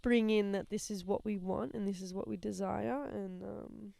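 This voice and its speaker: Brief: young woman, podcast co-host, sick and hoarse, gravelly fry, dry close sound, loose and sweary. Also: medium pitch, fairly even intonation, normal speed, dark tone, no room sound. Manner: laid-back, swears freely. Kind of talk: casual chat. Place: outdoors, lying in a hammock.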